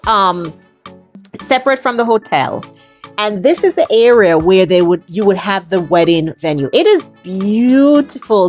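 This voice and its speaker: A woman's voice: medium pitch, darkish tone. A middle-aged woman from Jamaica with a Jamaican accent, chatting to viewers in a casual travel vlog. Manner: chatty, addresses viewers as guys. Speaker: travel vlogger.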